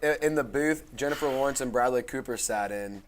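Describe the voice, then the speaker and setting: A man's voice: mid-range voice, brisk, a little hiss or hum. A man co-hosting a live sports fan show, bantering casually and playfully in slangy, sometimes sweary talk.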